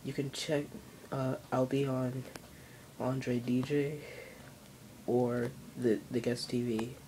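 A video channel host making a casual announcement to viewers, halting and muffled by cloth over the face. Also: medium pitch, level tone, warm tone. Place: indoors in a room, seated in an armchair. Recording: clear background room noise.

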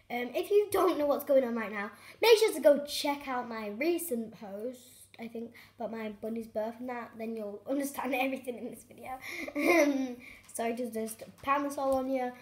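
A woman vlogging at home, chatting excitedly to camera in a rambling way with many fillers. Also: a little high, moderate pace. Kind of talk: casual chat to camera. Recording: echoey room with faint noise.

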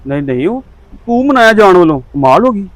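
A man's voice: sits high, very animated, brisk, dry recording. A man in a family drama, teasing and joking while trying to settle a quarrel. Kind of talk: Punjabi family drama acting.

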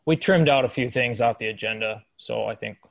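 A man's voice: mid-range voice, fairly quick, vocal fry. A man chairing a meeting over a video call, easygoing and greeting each person who joins. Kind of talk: casual video-call chat.

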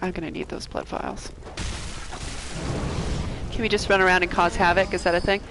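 A woman streaming a video game, chatting casually with her viewers and a co-op partner, bubbly and quick to laugh and joke. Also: on the low side, level tone, background noise. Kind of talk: casual live-stream chat.

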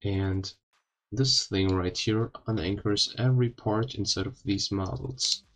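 Fresh from wisdom tooth removal, this tutorial host talks through an informal coding lesson in stop-start phrases, his words a bit strange and hindered. He has a lowish voice with a fairly bright tone.

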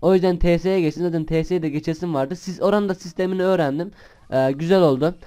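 Young man, gaming vlog host, casual rambling talk, smooth voice, slightly high. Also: fast talker. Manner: chatty and rambling, bursts into shouted swearing at other players. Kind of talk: casual gameplay commentary.

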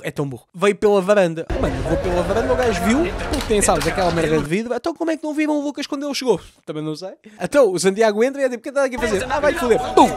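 A Portuguese man with a Lisbon accent, a comedian recapping a TV series with crude, sarcastic and animated commentary, acting out the characters. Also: high voice, noisy background. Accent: European Portuguese, Lisbon. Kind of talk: comic commentary.

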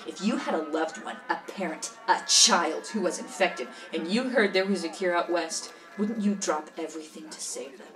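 A jaded woman smuggler, played by an actress, tells her story in an audio drama interview, sounding defensive. Her low, worldly voice is cynical and matter-of-fact, near everyday speech, at a moderate pace with few pauses. The mic is slightly distant and music clearly plays behind her.

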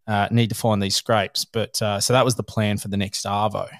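An Australian man hosting a podcast, telling stories in a casual, animated way and chuckling as he goes. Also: fairly low pitch, normal speed, no echo, clean studio sound. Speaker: podcast host. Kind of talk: casual storytelling chat.

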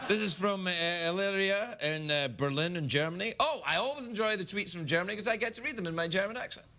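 Brief: middle-aged male late-night host, high and bouncy voice, teasing and mock-serious, loud noise in the background. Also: fast. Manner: playful, mock-serious, jumps between silly voices. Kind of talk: comic banter reading viewer mail.

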